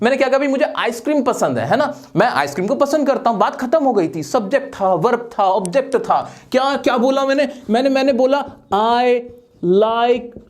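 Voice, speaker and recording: A man teaching a grammar lesson who keeps asking questions and answering them himself. He joins in with playful jokes for his students and draws out his example sentences slowly. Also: very high voice.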